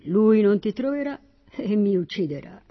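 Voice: medium pitch, animated, moderate pace, pitched above the performer's own voice, close to an everyday voice. A reader voicing a fearful, loyal male royal steward in a read-aloud Bible story, pleading anxiously. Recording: dull lo-fi recording.

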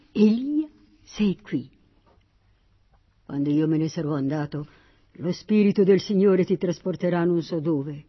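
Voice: medium pitch, close to an everyday voice. A reader voicing a fearful, loyal male royal steward in a read-aloud Bible story, pleading anxiously. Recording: dull lo-fi recording.

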